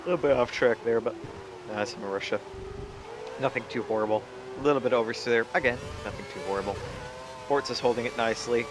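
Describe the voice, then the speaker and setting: Quick and mid-pitched, this young man talks his way through a racing game in a relaxed style, cracking jokes and cursing occasionally. Engine noise from the game runs under his commentary.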